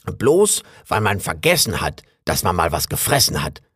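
A man's voice: low-pitched, huge pitch swings, moderate pace, fairly bright tone, slightly rough, no room sound, studio quality, heavily acted. A man voicing a boastful, chatty male raccoon in an audiobook, rambling on in a self-important way. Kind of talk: audiobook character voice.

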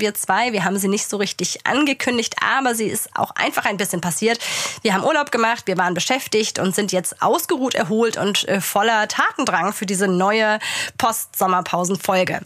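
Woman cohosting a podcast, measured with lots of ums, very dry sound. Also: mid-range voice, fairly bright tone, dry recording. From Germany. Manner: measured, with frequent fillers. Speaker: podcast co-host. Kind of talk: podcast intro and discussion.

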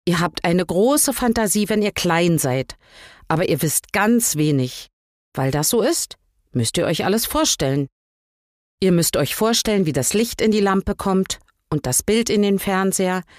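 An older woman voicing a tiny fat old king who shrinks with age, speaking slowly and thoughtfully in a lowered voice. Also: lively intonation, no room sound, clean studio sound. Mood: musing.

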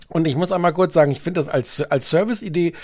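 A man's voice: fairly high pitch, fast, darkish tone. A man co-hosting a podcast, chatting casually with a dry, wry humor and hesitant fillers. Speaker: podcast co-host. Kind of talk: casual chat.

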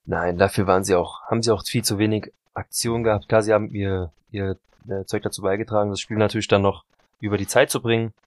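Tired guy rambling about football, bit low, dry recording. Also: steady tone, fast, no echo. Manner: rambling, self-correcting, apologetic. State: sleep-deprived. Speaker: podcast co-host. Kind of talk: casual football chat.

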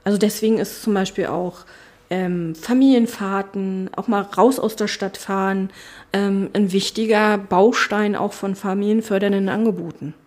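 In her constituency office, a middle-aged woman politician who speaks for family and education talks casually in an interview, thinking aloud with many fillers and restarts. Her medium-pitched voice is a little mellow, with fairly even intonation and a moderate pace.

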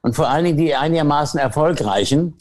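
A man's voice: on the high side, expressive, quick pace. An older man, a guest on a podcast, telling long rambling stories with restarts and self-deprecating asides. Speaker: award-winning guest. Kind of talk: casual anecdotal chat.

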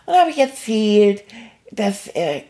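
A woman's voice: mid-range voice, sing-song, takes it slowly, dark tone. A woman voicing a cheerful, cheeky male stuffed toy rat, retelling events in a chatty, rambling, fond way. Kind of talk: first-person storytelling.

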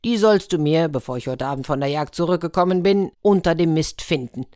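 A woman voicing a gruff, menacing male giant in a fairy tale, speaking loudly and bossily. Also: low voice, a little fast, dry recording, studio quality, close to an everyday voice.

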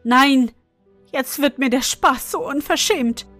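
A woman's voice: slow pace, faint music behind. A woman voicing an angry market woman who scolds and drives off a stranger she takes for a dwarf. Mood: indignant. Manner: scolding, shrill. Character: frantic grieving market woman, mother.

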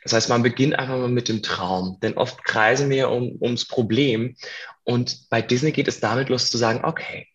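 A man, a coach and stage performer, explaining step by step in a relaxed podcast conversation. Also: medium pitch, moderate pace, dull audio. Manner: thoughtful, explains step by step with filler words. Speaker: coach and musical performer, guest.

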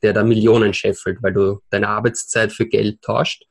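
On a podcast, a young man in his twenties from Vienna answers at a moderate pace in a lowish, flat voice with vocal fry. His Austrian accent shows, and he hesitates often and mixes in English expressions.

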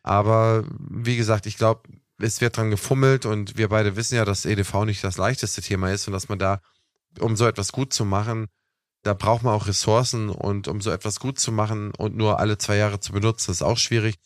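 A young man with a lowish voice hosts a casual talk-show podcast, speaking briskly in a steady tone. He explains at length in a chatty way, peppering his speech with fillers like "ne?" and "was weiß ich." The sound is clean studio quality with no echo.

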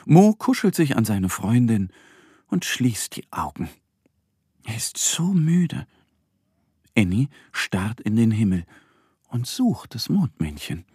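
A man narrating a children's story in a slow, gentle, expressive bedtime-reading manner. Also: medium pitch, breathy edge, no room sound, clean studio sound.

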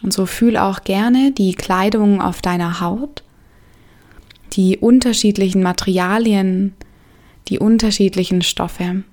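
Female meditation guide, mid-range voice, soft and soothing delivery with gentle pauses. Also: mid-range voice.

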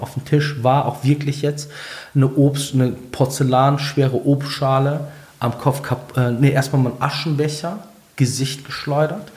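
A young man sharing a personal testimony in conversation, earnest and halting, with frequent restarts. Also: mid-range voice, darkish tone, reverberant.

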